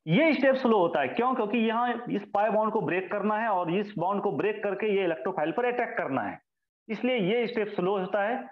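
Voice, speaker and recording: A man with a high voice lectures on chemistry, posing questions and answering them himself. His words ring out in a roomy space, and the recording sounds dull and lo-fi. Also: fairly quick. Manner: addresses students as children, repeats key terms. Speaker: chemistry teacher. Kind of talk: classroom lecture.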